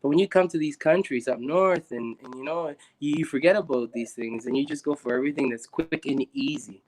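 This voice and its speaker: Brief: young man from Guatemala, earnest and reflective, a touch high in pitch, stumbling restarts. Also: fairly quick, a little mellow. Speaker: guest. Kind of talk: casual conversation on a live stream.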